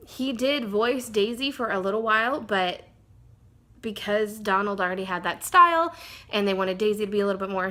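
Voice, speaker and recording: A woman's voice: mid-range voice, sharp tone. A woman vlogger talking casually to camera in a chatty, rambling way that often goes off on side tracks.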